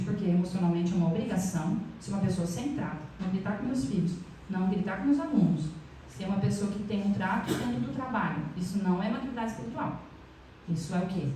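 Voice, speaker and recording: A woman's voice: medium pitch, a little mellow, a little hiss or hum. Middle-aged Brazilian woman, spiritual lecturer, chatty and audience-facing; echoey hall, distant mic. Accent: Brazilian Portuguese. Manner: chatty, asks the audience often.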